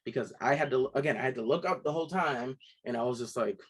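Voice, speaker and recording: A man co-hosting a casual film review podcast, animated and quick to act out his own reactions. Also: medium pitch, breathy edge, low-quality recording. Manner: animated, puts on voices when quoting himself.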